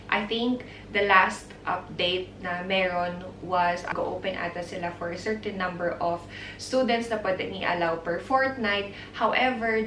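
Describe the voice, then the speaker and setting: A Filipina vlogger in her 20s, with a mid-range voice and a faint hiss or hum, chats casually through a Q&A vlog, mixing Tagalog and English with giggly asides. Her camera mic sits at a distance, so the echoey room sounds roomy.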